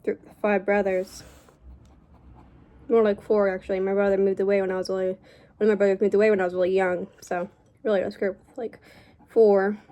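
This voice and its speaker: Drawing as she vlogs, a young woman rambles and chats in a medium-pitched, dark-toned voice, correcting herself along the way; her delivery is flat and fairly quick, broken by long pauses. She has a slight cough and mentions that her voice is going.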